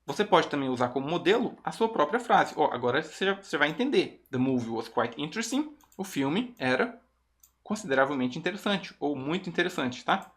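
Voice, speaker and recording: A man with a Brazilian Portuguese accent teaching English online, who explains patiently and reads example sentences slowly. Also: a little high, sing-song, a bit bright. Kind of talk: online language lesson.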